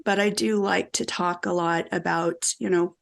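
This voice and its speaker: Animated storytelling woman, laughs often. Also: fairly low pitch, moderate pace, vocal fry. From American Midwest. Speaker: guest author. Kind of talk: casual podcast conversation.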